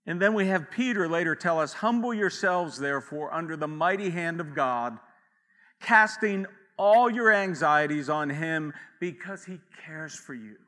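A man's voice: on the high side, expressive, moderate pace, sharp tone, long reverb tail. A man preaching a sermon as pastor, in a conversational way with asides and acted quotes.

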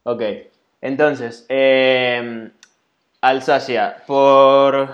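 A man hosting a casual interview podcast, relaxed and friendly, with frequent "eh" and "ok". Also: medium pitch, extremely slow, highs cut off. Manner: relaxed, friendly, uses filler "eh" and "ok". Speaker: podcast host. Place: Barcelona.

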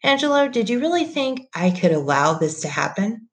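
A woman's voice: a little high, very animated, moderate pace, voice pushed up. A woman voicing a menacing, scornful middle-aged businessman who taunts and bullies. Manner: sneering, taunting.

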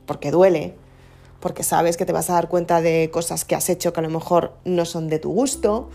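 Woman, reflective monologue, mellow low-key tone, faint music under her. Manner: earnest, questioning, restarts words. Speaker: speaker giving personal reflections.

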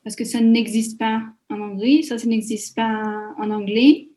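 A woman's voice: fairly high pitch, steady tone, unhurried, dark tone. A Hungarian woman speaking French as a second language with a Hungarian accent, talking hesitantly as an interview guest with fillers and small slips.

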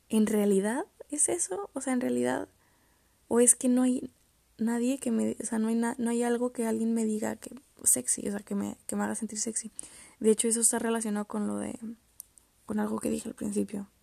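A young woman chatting alone on her podcast, with a low, mellow voice and plenty of gravelly fry. She rambles, cuts herself off mid-thought, and keeps dropping into half-whispered mutters. The sound is dry and close. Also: no room sound. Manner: rambling, self-interrupting, often drops to mutters and whispers. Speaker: podcast host. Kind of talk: casual solo chat about poetry.

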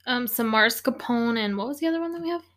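A woman's voice: a little high, lively intonation, fast, fairly bright tone. A woman co-hosting a casual chat podcast, playful and giggly. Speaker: podcast co-host.

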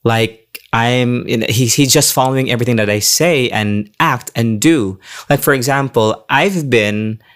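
A man's voice: mid-range voice, measured pace, fairly bright tone. Candid man sharing a reflection. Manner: candid, confessional, many restarts. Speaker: faith community leader. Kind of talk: personal reflection and prayer.

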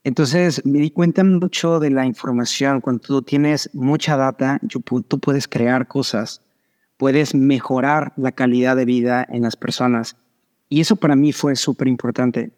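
A middle-aged Mexican startup founder answers a podcast interview conversationally, sprinkling English business terms into his speech. His voice is medium-pitched and darkish, a little slow, with fairly even intonation.

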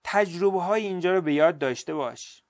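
A man voicing a calm, wise wizard who speaks gently and guides. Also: high-pitched, dry recording. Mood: gentle.

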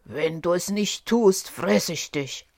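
A woman voicing a cunning, rough-voiced male wolf in a fairy tale. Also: takes it slowly, a little mellow, full character voice. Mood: threatening. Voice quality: rough, low growl. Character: big bad male wolf, gruff and cunning.

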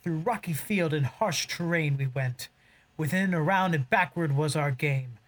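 An actor playing a cocky, roguish young smuggler captain, delivering boastful Shakespearean verse. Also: male voice, on the high side, measured pace, fairly bright tone. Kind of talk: audio drama acting in verse.

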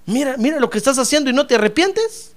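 A man preaching a sermon as pastor, animated and acting out the voices of his congregants. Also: extremely high pitch, fast talker.

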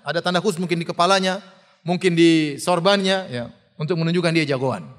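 A man giving a religious lecture, telling a story in a lively way, with fillers and laughs. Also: fairly high pitch, a little fast. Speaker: preacher. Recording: long hall reverb.

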